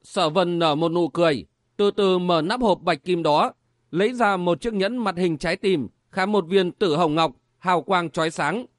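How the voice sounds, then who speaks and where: A man narrating a martial-arts romance audiobook in a steady, even reading manner. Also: high voice, moderate pace, dry recording, clean studio sound. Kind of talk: storytelling narration.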